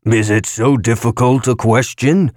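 A man voicing a pompous, weary eye-eating alien blob that talks in a slow, slurred intoning way. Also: mid-range voice, fairly even intonation, no room sound, studio quality, pitched above the performer's own voice, lightly acted. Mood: musing.

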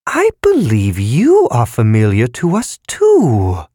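A man voicing a nagging, scolding creditor balloon in a high squealing pitch. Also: big pitch swings, a little slow, a little mellow, no echo, clean studio sound. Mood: accusing. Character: shrill nagging creditor balloon, genderless thing.

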